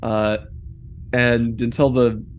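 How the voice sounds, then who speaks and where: A man acts out a putrid undead musician in a tabletop game. The corpse is apologetic and laid-back, halting often as it talks at a middling pitch. There is clear noise behind the voice. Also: level tone, close to an everyday voice. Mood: wistful, casual. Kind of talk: in-character tabletop role-play. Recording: clear background room noise.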